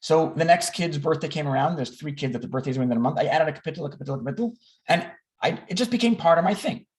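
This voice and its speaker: This native English speaker is a man in his thirties whose voice is a little high, a little mellow, and fast. At an online learning gathering, he offers the group on the video call a frank, self-mocking personal talk, frequently repeating himself and restarting.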